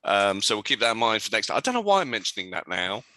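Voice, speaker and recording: A man running a tabletop game, lower voice with a very bright, forward edge and a dry close sound. He is easygoing and keeps filling pauses with ums as he describes each scene. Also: no echo. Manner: relaxed, lots of ums, describing scenes and ruling on rolls. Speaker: game master.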